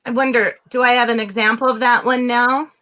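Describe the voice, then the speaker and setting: A woman's voice: a little high, little pitch movement, a little fast, sharp tone. A woman hosting a casual live event with an upbeat, encouraging manner. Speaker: event host.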